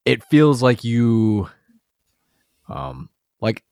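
A man's voice: mid-range voice, sing-song, drawn-out words, a little mellow, clear, resonant tone, no echo, studio quality. A man hosting a podcast, asking loose questions full of fillers in a casual chat. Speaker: podcast host.

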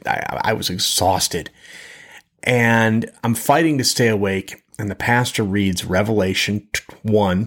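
A man with a fairly low voice teaches a Bible lesson to his listeners. His delivery is conversational and chatty, with restarts and frequent check-ins asking whether they follow. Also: fairly bright tone, breathy edge. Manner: conversational, repeats words and checks in with "okay?".

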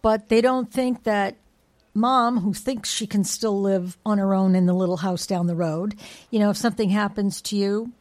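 A woman's voice: mid-range voice, steady tone, moderate pace, darkish tone. A woman co-hosting a casual podcast, speaking in a thoughtful, reflective, conversational way. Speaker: co-host from a home care agency.

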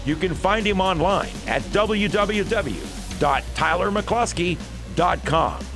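Male American promo announcer for radio, lively swings in pitch, music underneath. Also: slow pace. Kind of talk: scripted radio promo voice-over. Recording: music bed behind the voice.

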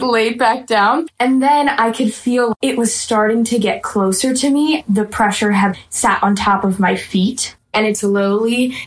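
A woman's voice: medium pitch, rough recording. A young adult woman in casual conversation, retelling her own experience with quoted asides. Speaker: podcast guest. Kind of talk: casual personal storytelling.

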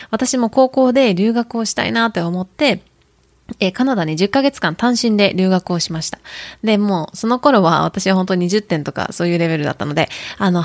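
A young woman hosts her podcast in a friendly, rambling way, with a lot of fillers. Her voice is recorded close and dry, with no room sound. Her pitch sits in a middle range. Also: darkish tone, no room sound. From Japan. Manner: friendly, chatty, many fillers. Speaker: podcast host. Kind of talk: casual podcast monologue.

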